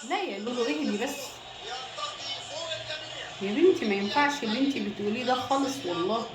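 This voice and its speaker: A woman's voice: on the high side, expressive, very fast. A woman with an Egyptian accent giving insistent, preachy advice in a comic phone-call sketch. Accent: Egyptian Arabic. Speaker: wife in a comedy sketch. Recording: roomy echo with loud music behind.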